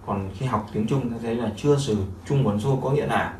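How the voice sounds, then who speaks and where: A man with a medium-pitched, slightly mellow voice moves briskly through a language lesson, explaining each phrase repeatedly with many filler words. It's captured in an echoey room from a distant mic, with faint noise.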